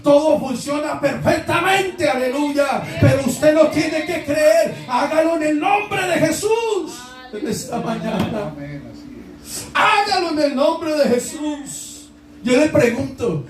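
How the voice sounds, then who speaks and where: In a church hall, a Colombian pastor delivers a fervent sermon, exclaiming and addressing the congregation in front of him directly, with a Colombian Spanish accent. His voice is very high, and the recording sounds roomy, picked up from a distant microphone.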